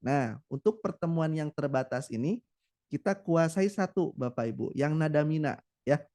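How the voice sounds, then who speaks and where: A man's voice: on the high side, lively intonation, moderate pace, warm tone. A man teaching a Quran recitation class in a chatty way, often turning to address his students directly. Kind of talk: teaching a class, with sung demonstrations.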